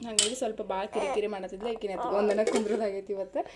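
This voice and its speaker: A woman's voice: mid-range voice, steady tone, fast talker, over a noisy crowd. A young woman with a North Karnataka Kannada accent, narrating a casual daily vlog to viewers and coaxing her sick child in a raised, singsong voice. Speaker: vlogger, mother of a sick child. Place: home and juice shop.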